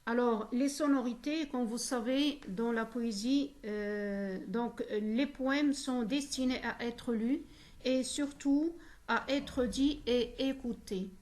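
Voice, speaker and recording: A woman teacher explaining poetry to pupils in a slow, explanatory way, asking them questions. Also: fairly high pitch, a little mellow. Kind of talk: classroom lesson on poetry.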